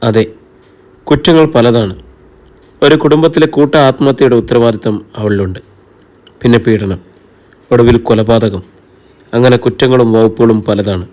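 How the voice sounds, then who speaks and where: A man's voice: medium pitch, normal speed, pauses often, darkish tone, natural voice. A man reading a stern police chief. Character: stern male police superintendent, harsh and firm. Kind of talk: audiobook character reading.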